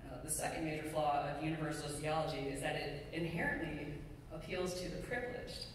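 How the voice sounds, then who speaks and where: A middle-aged pastor with a medium-pitched voice preaches from the pulpit of a church sanctuary, measured and deliberate, with pauses. The recording is very echoey, with a distant mic and faint noise.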